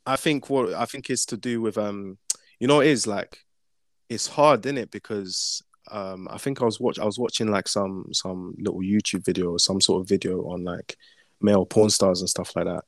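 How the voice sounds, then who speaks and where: A man's voice: fairly low pitch, moderate pace, dry recording. Young London roadman chatting casually, close and dry. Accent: London, urban multicultural slang (roadman). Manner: slangy, tag questions like "innit", "you get me". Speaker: podcast co-host. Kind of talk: casual chat.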